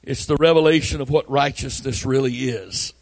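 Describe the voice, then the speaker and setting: At normal speed and in a medium-pitched voice, an older male pastor delivers a sermon. His storytelling is earnest and repetitive, growing from a hush to almost a shout.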